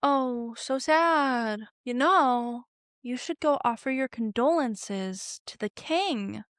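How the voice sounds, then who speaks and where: A woman's voice: on the high side, expressive, slow pace, a bit bright, dry recording, clean studio sound, voice pushed up. Woman putting on a sly, coaxing court schemer. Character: sly scheming older male royal adviser.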